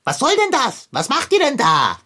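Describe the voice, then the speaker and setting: A woman's voice: sits high, huge pitch swings, normal speed, pushed and bright, breathy edge, exaggerated voice. A woman playing an eager bicycle-shop owner styled as a pirate, using courtly, old-fashioned phrases. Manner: archaic, courtly speech.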